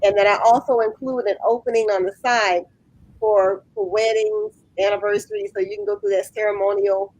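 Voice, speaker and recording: A woman's voice: medium pitch, little pitch movement, brisk, a little mellow, low-quality recording. A woman in her late fifties, a guest business owner, earnestly explaining her craft step by step in a casual interview. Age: 50s.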